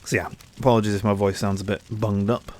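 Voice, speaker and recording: This young man talks fast in a lowish, darkish, level voice. Stuffed up from a cold, the gaming channel host offers relaxed gameplay commentary, musing aloud while he plays.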